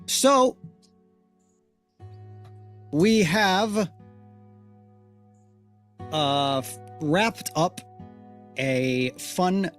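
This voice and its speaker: A man acting as game master, talking slowly and haltingly with fillers as he opens the session. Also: high voice, a bit bright. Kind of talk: tabletop game narration.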